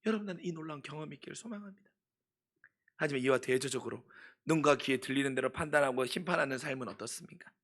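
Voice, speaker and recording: A man preaching a sermon as pastor, putting questions to the congregation and answering them himself, moving from hushed asides to loud impassioned pleading. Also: fairly high pitch, fast.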